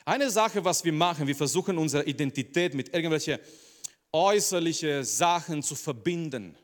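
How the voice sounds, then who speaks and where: A man's voice: on the high side, expressive, moderate pace. A male preacher giving an emphatic sermon, repeating phrases and putting rhetorical questions to the audience. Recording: long reverb of a large hall.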